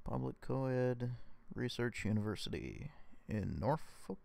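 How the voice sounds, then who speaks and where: A man's voice: medium pitch, animated, slow, creaky, a little mellow. A young man with a US West Coast accent, chatting casually on a livestream, thinking aloud and poking fun at himself. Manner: thinking aloud, self-mocking.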